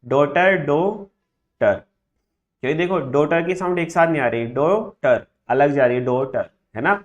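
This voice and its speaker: A man's voice: on the high side, lo-fi sound. Man teaching shorthand, drilling words aloud. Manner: drills words by repeating them slowly, checks understanding with frequent tag questions. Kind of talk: classroom lesson.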